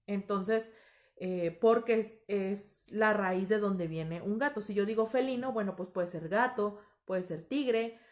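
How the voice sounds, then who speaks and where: A woman teaching a language lesson, explaining slowly, with many fillers and self-corrections. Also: mid-range voice. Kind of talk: recorded lesson.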